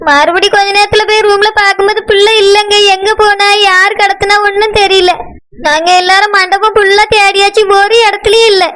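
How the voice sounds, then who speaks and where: A woman's voice: extremely high pitch, flat delivery, brisk, fairly bright tone. A woman doing a sobbing cartoon village mother. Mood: distraught. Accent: Kanyakumari Tamil. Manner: wailing, pleading, sobbing. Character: tearful village mother of a missing bride. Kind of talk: cartoon voice acting.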